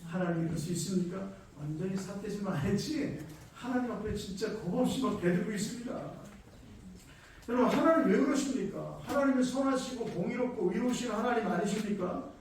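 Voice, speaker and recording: Male pastor, higher voice, emphatic sermon full of rhetorical questions; very echoey room, mic far off. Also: animated, brisk, darkish tone, slight background noise. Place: church prayer room.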